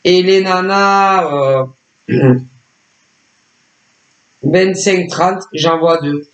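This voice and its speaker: Slow, hesitant man in an echoey room. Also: sits high. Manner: hesitant, repetitive, full of filler words. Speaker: psychic reader. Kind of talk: casual spoken tarot reading.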